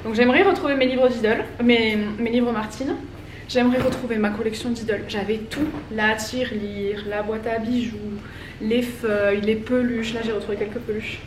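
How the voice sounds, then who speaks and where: Her voice sits on the high side, with fairly even intonation and a moderate pace. She's a French woman in her thirties vlogging from home, rambling casually to the camera as she folds laundry, recorded on a distant mic with roomy echo and background noise.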